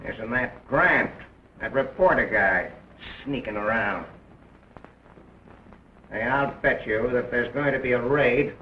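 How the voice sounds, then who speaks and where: An actor playing a sly, calm male gangster who talks in wry tough-guy slang, in an early talkie film. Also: medium pitch, dull audio, slight background noise, lightly acted. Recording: roomy distant early film sound.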